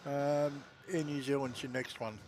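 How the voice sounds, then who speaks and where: A man's voice: medium pitch, flat delivery, unhurried, darkish tone, slight background noise. A man hosting a live stream, calling out arriving flights in casual commentary. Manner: calls out arriving flights and reads viewer chat.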